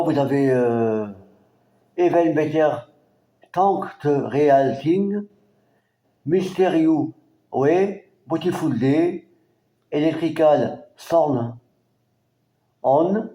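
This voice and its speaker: A man from France casually presenting his record collection, halting and hesitant, with many fillers. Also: on the high side, dark tone, reverberant. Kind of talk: casual collection show-and-tell.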